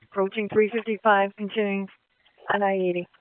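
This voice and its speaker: A man's voice: sits high, little pitch movement, fairly quick, clean tone, no room sound. A man dispatching over police radio, repeating back each report in short clipped phrases. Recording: tinny police radio transmission.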